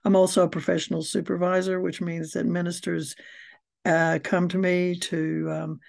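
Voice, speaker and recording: A woman's voice: on the low side, level tone, moderate pace, gravelly, a little mellow. A mature woman, chatting casually as an interview guest. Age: middle-aged or older. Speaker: guest, spiritual director.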